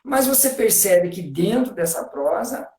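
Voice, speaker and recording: A man's voice: high voice, big pitch swings, unhurried, darkish tone, reverberant. A man, a guest on a live stream, explains things eagerly in casual talk. He fills his speech with "né" and counts out rhythms aloud. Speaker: guest discussing literature.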